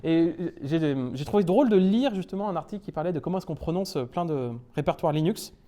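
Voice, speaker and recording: A man's voice: fairly high pitch, a little fast, dark tone. A man from France giving a humorous tech talk at a meetup, playful and self-mocking, chuckling often between points. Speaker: conference speaker.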